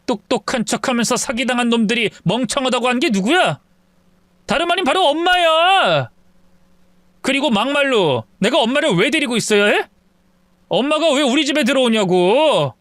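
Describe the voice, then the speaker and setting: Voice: sits high, big pitch swings, normal speed, fairly bright tone, no room sound, studio quality. A narrator voicing a cold, irritable middle-aged husband who lectures his mother.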